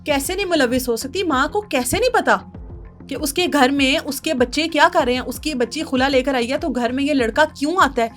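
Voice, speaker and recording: A woman narrating a crime case on a talk show, animated and acting out the people she quotes. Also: soft background music. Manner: animated, shifts pitch for quoted speakers.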